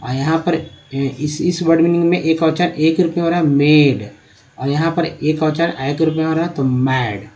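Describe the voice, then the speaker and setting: A man's voice: fairly high pitch, fairly quick, darkish tone, dull audio. A man with a Hindi accent teaching English pronunciation, patiently drawing out the words he demonstrates. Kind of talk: explaining pronunciation to learners.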